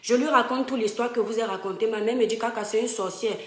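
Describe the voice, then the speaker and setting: A Cameroonian woman live-streams from a room at home, telling online followers a personal story in a slightly high voice at a quick pace. She addresses viewers directly, emphatic and fond, and the room gives a roomy echo.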